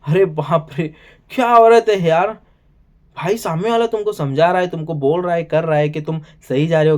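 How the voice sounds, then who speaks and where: Male reviewer, high voice, chatty casual recap style with plenty of filler. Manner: chatty, keeps saying "bhai" and "yahan pe". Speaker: show reviewer.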